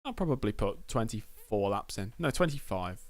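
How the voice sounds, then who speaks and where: A man's voice: lowish voice, big pitch swings, moderate pace, darkish tone, no room sound. A man live-streaming a game, giving casual commentary, replying to chat and muttering to himself.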